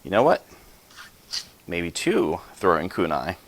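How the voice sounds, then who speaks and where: Casting note: forties male vlogger, very low voice, rambling, self-deprecating, casual show-and-tell. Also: very animated, slow, slight background noise. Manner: chatty, self-deprecating, rambling asides with sound effects. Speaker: YouTube host showing his sword collection.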